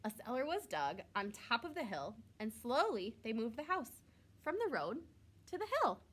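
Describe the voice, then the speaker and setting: A woman reading a picture book aloud to young children, expressively, drawing out words for emphasis like a teacher. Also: on the high side. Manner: expressive, with drawn-out emphasis and questions to listeners.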